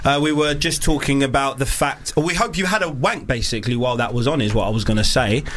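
A man's voice: mid-range voice, fast talker, a bit bright. A British man hosting a radio show with casual comedy banter, joking in a mock-grand way.

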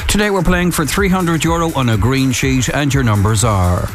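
A man's voice: fairly high pitch, animated, brisk, faint music behind. An Irish man working as a radio bingo caller, reading out numbers digit by digit in a bingo-calling delivery. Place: radio studio.

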